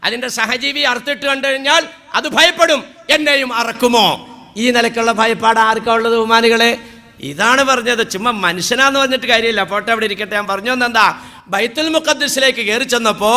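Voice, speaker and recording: A man. His voice sits unusually high and rings bright and sharp. He slips into dramatic wailing impressions and slow chanted verses. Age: 50s. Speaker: Islamic preacher. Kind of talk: humorous sermon.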